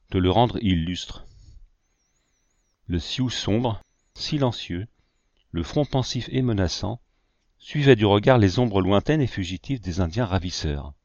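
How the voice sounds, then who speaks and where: A man reading a novel aloud in a measured, literary narration. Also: lowish voice, darkish tone, dry recording, muffled recording. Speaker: audiobook reader. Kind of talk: scripted narration.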